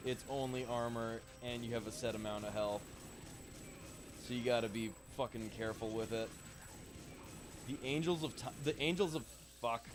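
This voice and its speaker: A game streamer with a mid-range voice talks at a normal speed, leaving long pauses while music plays behind him. He casually commentates his shooter game let's-play style, swearing freely and chatting loosely with viewers as he plays.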